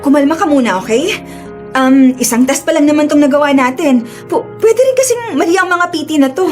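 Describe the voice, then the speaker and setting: A woman voicing an older sister who is caring but quick-tempered, expressive and scolding in an audio drama. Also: high voice, faint music behind. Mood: suspicious. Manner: expressive, scolding, shifting to soothing. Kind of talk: Tagalog audio drama acting.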